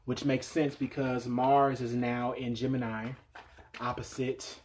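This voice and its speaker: A man's voice: level tone, a little slow, a little hiss or hum. Meditative man giving a tarot reading. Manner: meditative, repeats phrases, drops to low quiet voice. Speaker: tarot reader.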